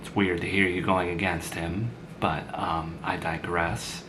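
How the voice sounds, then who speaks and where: A man's voice: sits low, little pitch movement, measured pace, background noise. A man voicing a blunt, sarcastic grown woman who had a child young, in an amateur drama. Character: blunt sarcastic mother, grown woman, once a teen mom.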